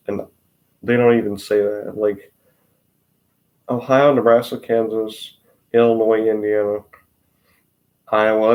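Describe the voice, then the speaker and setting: A man's voice: on the low side, darkish tone. A teenage boy with an Upper Midwest American accent hosts a casual vlog about short-track racing. He rambles loosely, stops himself mid-sentence, and leans on "like" and "um". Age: teens. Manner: rambling, loose, many filler words, self-interrupting. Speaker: racing channel host.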